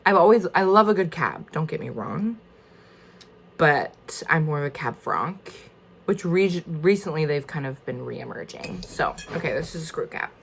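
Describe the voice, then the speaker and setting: Woman, low voice, casual tasting host, informal and thinking aloud, slight background noise. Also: animated, moderate pace, creaky. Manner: informal, tentative, thinking aloud with frequent 'like'. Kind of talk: casual chatty wine tasting.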